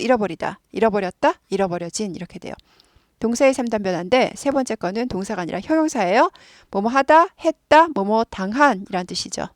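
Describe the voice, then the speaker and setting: A woman's voice: on the high side, dry recording, studio quality. A woman teaching English pronunciation, repeating words over and over and explaining them patiently.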